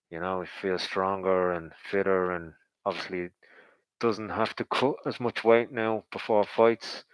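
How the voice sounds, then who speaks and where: A man's voice: low-pitched, smooth, dry recording, low-quality recording. A man giving casual, rambling boxing commentary in a conversational, speculative way, as if thinking aloud.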